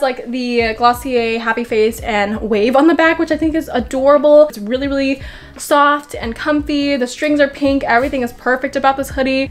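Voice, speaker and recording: Bubbly young woman vlogger, fairly high. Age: young adult. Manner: bubbly and enthusiastic. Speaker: fashion vlogger. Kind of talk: casual try-on haul chat.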